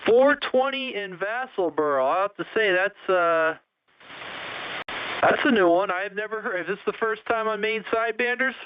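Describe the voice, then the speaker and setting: A high-voiced man runs a casual radio net, instructing callers as an operator would. His voice comes through a crackly, dull two-way radio with a narrowed sound. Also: normal speed.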